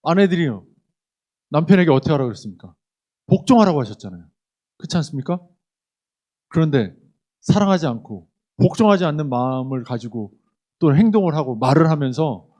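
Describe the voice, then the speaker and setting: A man's voice: fairly high pitch, darkish tone. A middle-aged man preaching a sermon as a pastor, talking to the congregation in a conversational way and often putting questions to them. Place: church sanctuary.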